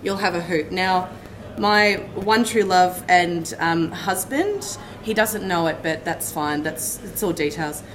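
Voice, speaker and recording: A woman's voice: on the low side, slight background noise, low-quality recording. An Australian woman co-hosting a live pub chat show, racing through a gig guide until she is out of breath. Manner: rapid, breathless list reading. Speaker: co-host reading the gig guide. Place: pub venue.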